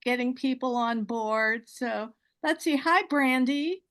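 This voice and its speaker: A woman's voice: high voice, slow, fairly bright tone. A woman hosting an online panel on a video call, chatty and enthusiastic, laughing often. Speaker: host and moderator.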